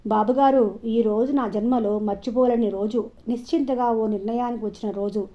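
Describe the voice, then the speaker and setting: A woman's voice: on the high side, fairly even intonation, normal speed, lo-fi sound, close to an everyday voice. A woman storyteller voicing a humble, grateful older widow who speaks politely and deferentially.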